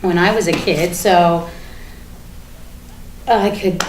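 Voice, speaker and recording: Agitated and sarcastic, a woman plays a defiant suspect who swears freely under questioning, her chatty, halting monologue punctuated by nervous laughs in a staged reading. The voice is fairly low with fairly even intonation, captured from a distance in an echoey room with faint background noise.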